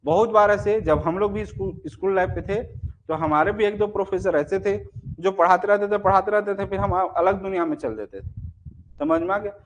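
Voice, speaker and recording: A young adult man teaching an online exam-prep class. He keeps asking rhetorical questions to check understanding and acts out example phrases. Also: sits high.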